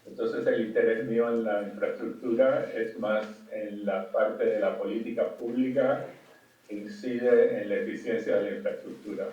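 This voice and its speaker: An older man from Cuba giving a conference talk over a video call, halting with many fillers and restarts. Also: lowish voice, fairly even intonation. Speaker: conference speaker. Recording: distant, dull, echoey call audio.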